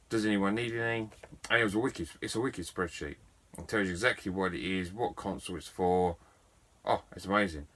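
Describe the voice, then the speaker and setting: A man's voice: on the low side, fairly bright tone, a little hiss or hum. A middle-aged man, a game collector telling a story to camera in a chatty, enthusiastic and self-mocking way. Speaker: video game collector vlogger.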